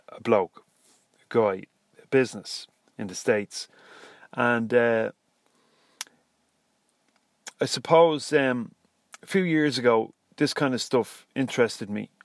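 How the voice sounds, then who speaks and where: A man's voice: lowish voice, no echo. An Irish man hosting a solo podcast in a casual, rambling, hesitant way, recorded inside a car. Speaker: podcast host. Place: inside a parked car, in the passenger seat.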